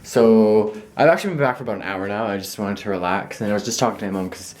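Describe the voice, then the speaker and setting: This young Canadian man speaks fast in a lowish voice with a darkish tone. Filming a casual travel vlog on a handheld camera, he rambles and corrects himself while thinking aloud, some of it outdoors in a park and some indoors.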